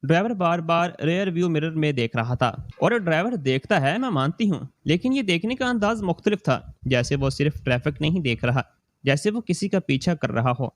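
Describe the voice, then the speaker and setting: A man reading a scripted moral story in the first person, slow and steady. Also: fairly high pitch.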